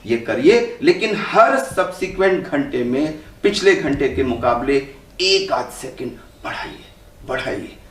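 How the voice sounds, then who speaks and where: A man demonstrating breathing and walking tests in a calm, instructive way as a doctor. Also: fairly high pitch, unhurried, echoey room, recorded from a distance. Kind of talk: health demonstration talk. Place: indoor room.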